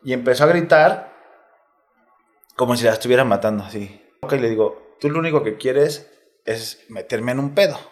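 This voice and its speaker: A retired footballer from Mexico City, a guest on a casual interview, tells a personal story candidly and in slang, step by step. His mid-range voice moves at a moderate pace and pauses often.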